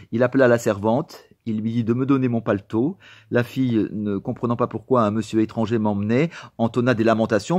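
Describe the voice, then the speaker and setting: A man narrating a novel as an audiobook, with an expressive, animated delivery on a close mic. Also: lowish voice, no echo. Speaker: audiobook reader.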